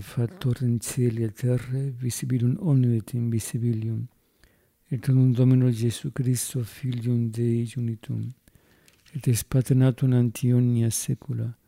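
A man's voice: medium pitch, mellow, no echo. A man, a priest, solemnly reciting Latin Mass prayers and reading the Gospel aloud in Spanish. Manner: slow, solemn intoning.

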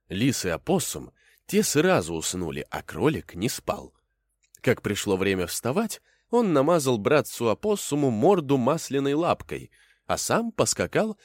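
A man narrating a storybook in a lively, expressive way. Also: on the low side, dry recording, clean studio sound. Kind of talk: storybook reading.

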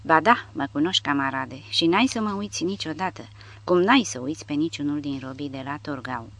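A man reading the part of a nervous condemned cavalry prisoner who asks quiet, pressing questions in an audiobook. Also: a little high. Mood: uneasy.

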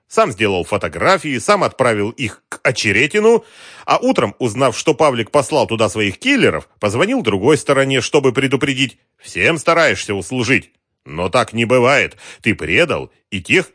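A man voicing a hard, commanding detective who interrogates in loud, clipped commands. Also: on the low side, no echo, clean studio sound.

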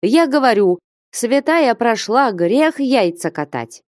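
A woman voicing a drunken, self-pitying man with a hoarse, whining voice, in an audiobook. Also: on the high side, animated, slow, darkish tone, no echo, studio quality, pitched above the performer's own voice. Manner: whining, complaining.

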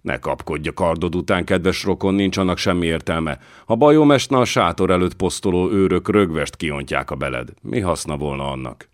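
Brief: sly scheming old voivode, insinuating, deep-voiced storybook figure, read by a man. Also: hardly any pauses, no echo, clean studio sound, natural voice.

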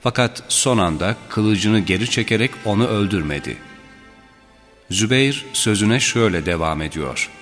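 Deep-voiced man reading solemn religious history. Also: animated, normal speed, fairly bright tone. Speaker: narrator. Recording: reverberant with faint background music.

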